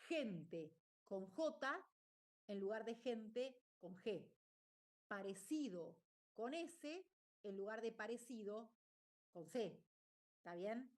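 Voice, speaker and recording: A woman's voice: fairly high pitch, animated, slow, pauses often, darkish tone. A woman teacher, explaining a lesson and often checking in with her listeners. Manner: explanatory, checks in with "¿está bien?". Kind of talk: online lecture.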